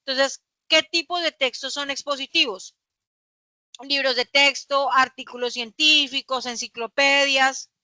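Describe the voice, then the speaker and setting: A woman's voice: sits high, steady tone, measured pace, bright, forceful tone, no room sound. A young woman, teaching a class and explaining patiently with rhetorical questions. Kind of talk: classroom lecture.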